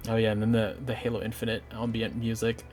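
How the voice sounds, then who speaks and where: A man's voice: lowish voice, completely flat delivery, fast talker, darkish tone. A young man chatting casually on a live stream while building a model kit, rambling and swearing lightly. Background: faint game music.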